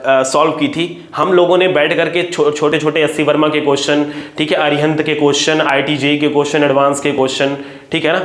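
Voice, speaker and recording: Earnest teacher, echoey room. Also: male voice, on the high side, fairly bright tone. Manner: earnest, repeats "theek hai" often. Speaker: coaching teacher. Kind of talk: direct-to-camera talk to parents and students.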